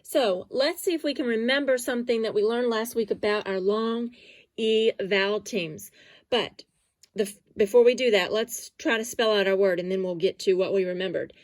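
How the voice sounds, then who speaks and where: A woman's voice: medium pitch, normal speed, no echo. A woman teaching a phonics lesson to young children, patiently sounding out letters and syllables.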